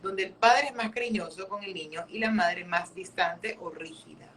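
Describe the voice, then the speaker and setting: A woman's voice: medium pitch, moderate pace, fairly bright tone, slight background noise, rough recording. A woman hosting a live stream, reading audience questions aloud and answering with brief affirmations.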